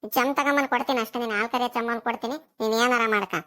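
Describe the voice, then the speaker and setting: A woman's voice: on the high side, fairly even intonation, very fast, pushed and bright. A woman voicing a whiny, complaining schoolboy grandson.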